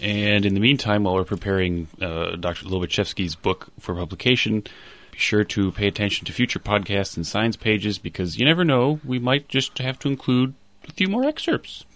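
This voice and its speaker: Low-voiced man on a podcast. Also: normal speed, fairly bright tone, dry recording. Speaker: podcast co-host. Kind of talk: podcast announcement.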